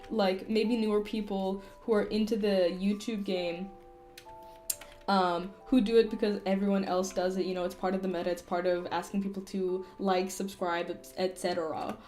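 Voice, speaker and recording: A woman's voice: medium pitch, mellow. Giggly rambling young woman streamer. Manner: rambling, giggly, swearing casually. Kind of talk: casual chat while drawing on stream.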